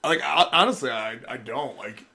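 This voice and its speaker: A man co-hosting a casual podcast, blunt and quick to swear. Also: medium pitch, expressive, creaky, bright, forceful tone, slightly rough. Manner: blunt and profane. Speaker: podcast co-host.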